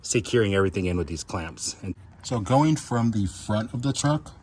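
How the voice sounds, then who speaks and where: Low-voiced man chatting through an install. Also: moderate pace, husky. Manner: excited, chatty, fillers. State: out of breath. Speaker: truck vlogger. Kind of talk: casual install vlog.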